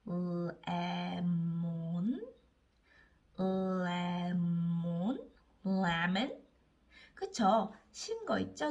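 A woman teaching English reading, sounding out each letter slowly and coaxing learners to repeat words after her. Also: mid-range voice. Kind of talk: slow phonics lesson for learners.

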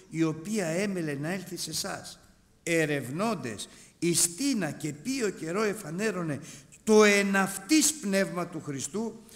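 A middle-aged man preaching a sermon with passion, rising to shouts and dropping to quiet asides. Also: a little high. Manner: impassioned, swings between shouting and quiet asides. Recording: long hall reverb.

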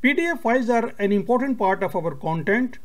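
Hosting a screen-recorded tutorial, a native Urdu speaker explains every step steadily and methodically. He has a very high-pitched voice and talks fairly quickly.

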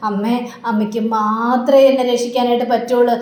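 Whining, pleading adult son, a woman narrator voicing him; high voice, roomy sound. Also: level tone, fairly quick, darkish tone, lightly acted. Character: panicked grown son begging his mother. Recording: roomy with faint background noise.

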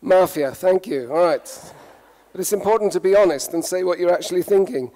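Animated man giving a keynote in a hall. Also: high-pitched, a little fast. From United Kingdom. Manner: playful, engages audience with questions. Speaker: conference speaker. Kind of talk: humorous keynote talk. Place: conference hall.

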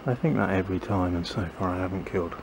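Low-pitched with vocal fry, a fast-talking gardening vlogger chats to camera as he plants. Set in a small backyard garden, his narration is casual and musing, full of self-doubt and trailing sentences. The audio carries noisy outdoor background.

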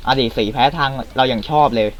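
A man from Thailand giving loud, excited commentary while playing a mobile game on a computer, often shouting and taunting opponents. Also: mid-range voice, fast talker. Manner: shouty bursts, swearing, talks to opponents. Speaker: gameplay streamer.

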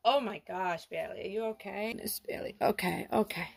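Fussing woman with a gravelly voice. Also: mid-range voice, moderate pace. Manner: fussing, soothing, talks to viewers. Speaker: doll vlogger. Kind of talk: doll role-play vlog narration.

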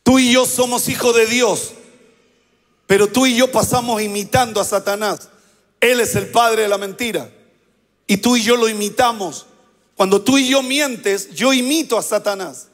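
A pastor delivering a sermon, prompting the congregation to repeat phrases back to him. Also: male voice, high-pitched, moderate pace, a bit bright, in a large hall. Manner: preaching with call-and-response prompts to the congregation.

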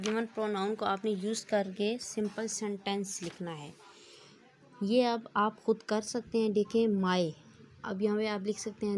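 Woman teacher, unhurried explaining delivery, mid pitch, repeats "theek hai". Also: a little mellow, no echo. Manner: reads English questions slowly, then explains them in Urdu-Hindi. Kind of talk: recorded classroom lecture.

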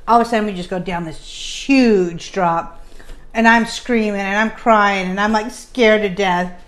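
A woman's voice: mid-range voice, fairly even intonation, measured pace, a bit bright. A woman vlogger telling casual stories while eating, chatty, with frequent "like" fillers. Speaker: mukbang vlogger.

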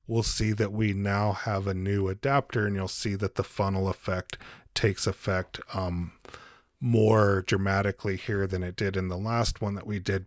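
A man giving a calm step-by-step software tutorial as host, with frequent ums. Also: fairly low pitch, no echo, clean studio sound. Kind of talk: screen-recorded software tutorial.

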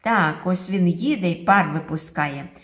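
Slow singsong woman teacher, very echoey. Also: on the low side. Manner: slow, singsong, drawn-out sounds for children. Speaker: kindergarten teacher. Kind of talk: phonics lesson for small children. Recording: very echoey room.

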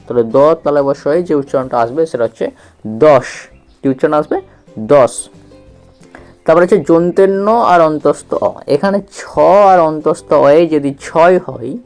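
Male teacher, a touch high-pitched; patient reading lesson that sounds out and repeats syllables, with faint music underneath. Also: darkish tone. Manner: spells out letters and repeats syllables; asks the listener questions.

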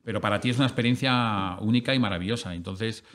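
A man talks in a fairly low voice on a relaxed podcast. He tells ironic, rambling stories and often restarts his sentences. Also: quick pace. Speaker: guest. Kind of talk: casual podcast chat.

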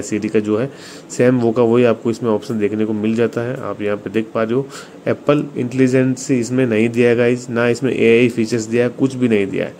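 With a darkish, mid-range voice and an Indian accent, a man gives an informal hands-on review of a phone, often talking to his audience. He's a tech reviewer and video host, and the room he records in is clearly noisy.

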